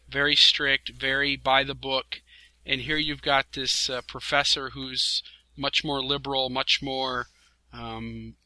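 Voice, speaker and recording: A man's voice: medium pitch, bright, forceful tone, no room sound, rough recording. A man interviewing a guest, probing and summing up what he hears. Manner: probing, summarizing the guest's story. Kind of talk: interview questions.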